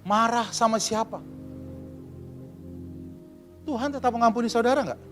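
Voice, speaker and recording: A man, a pastor giving a lively sermon in church and asking the congregation questions. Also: very high-pitched, unhurried, soft background music. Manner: lively preaching, asks the congregation questions, mixes in English.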